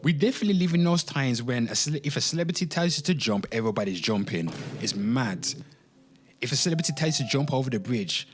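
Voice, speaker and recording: Hosting an online show, a man with an expressive mid-range voice talks at a quick pace, with slight background noise. He slips between rambling, slangy commentary and dramatic readings, repeats phrases for emphasis, swears frequently and calls his listeners people.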